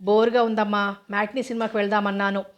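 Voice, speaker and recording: A woman's voice: mid-range voice, little pitch movement, fast, lo-fi sound, lightly acted. A woman reading the lines of a pampered teenage girl who coaxes and wheedles. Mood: coaxing. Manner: wheedling, coaxing.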